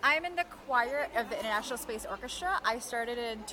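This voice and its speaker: A woman's voice: fairly high pitch, lively intonation, a little fast, a crowd in the background. A young woman, a choir member, giving cheerful, somewhat hesitant interview answers. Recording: noisy outdoor background.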